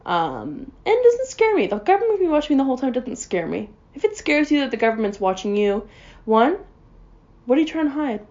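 A woman's voice: a little high, big pitch swings, a little fast, darkish tone, muffled recording. A young adult woman in a casual comedic rant, sarcastic and rambling, full of "like" and "um". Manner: sarcastic, rambling, heavy on fillers.

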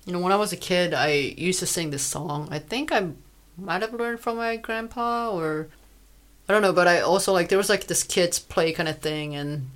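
Chatty woman, lowish voice. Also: moderate pace. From South Korea. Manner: chatty, many "like" fillers. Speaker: podcast co-host. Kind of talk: casual chat.

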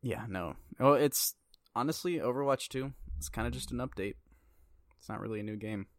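A man's voice: medium pitch, normal speed, no room sound. A young man co-hosting a casual podcast chat, teasing his friend with dry sarcasm. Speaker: podcast co-host.

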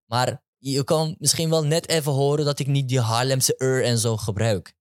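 A man's voice: medium pitch, steady tone, normal speed, dry recording, clean studio sound. A young man co-hosting, explaining his views earnestly and stumbling over his words. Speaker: co-host. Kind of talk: casual chat.

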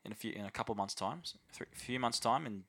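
A man's voice: fairly low pitch, fast talker, creaky, crowd noise. An Australian man co-hosting a casual sports podcast, talking in a laid-back, slangy, matey way.

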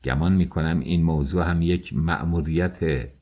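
Nosy fawning coachman, low hushed voice, a male narrator putting him on. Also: dull audio. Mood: pleading. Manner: hushed, conspiratorial, pleading.

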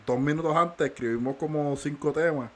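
A man's voice: fairly high pitch, moderate pace, fairly bright tone. A man co-hosting a podcast, laughing often and swearing through casual banter. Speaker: podcast co-host.

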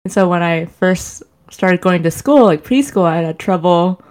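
A young woman from the States co-hosting a podcast, talking softly and laughing often, a bit unsure of herself. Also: lowish voice, normal speed. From United States. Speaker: podcast co-host. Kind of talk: casual chat.

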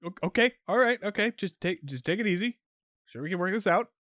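A man's voice: sits high, animated, a little fast, a bit bright, no room sound, studio quality, voice pushed up. A man playing a veteran city cop who stammers nervously and tries to talk his way out of trouble. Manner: stammering, nervous then coaxing. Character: veteran male city cop, cuffed, fast-talking, wheedling.

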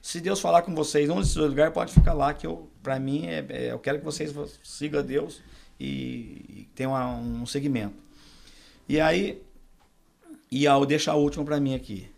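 A middle-aged Brazilian man, a pastor and podcast guest, telling his testimony in a relaxed conversation and acting out the dialogue he quotes. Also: a little high, moderate pace, creaky. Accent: Brazilian Portuguese. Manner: storyteller who acts out quoted dialogue. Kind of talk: testimony told in a casual interview.

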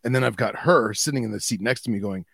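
A man's voice: medium pitch, fast, fairly bright tone, husky, no room sound. A man co-hosting a podcast, telling anecdotes and chatting in a teasing, colloquial way. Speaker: podcast co-host. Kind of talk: casual chat and anecdote.

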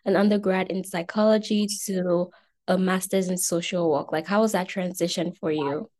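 A woman's voice: fairly low pitch, fairly even intonation, normal speed, a little mellow. A young woman hosting a podcast, asking interview questions in a friendly, affirming way. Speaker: podcast host.

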